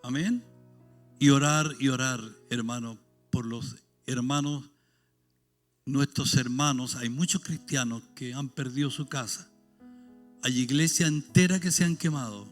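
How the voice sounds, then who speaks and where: A man's voice: mid-range voice, measured pace, soft background music. A man, a pastor, preaching a sermon and then leading a fervent prayer. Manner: fervent, rising into loud prayer.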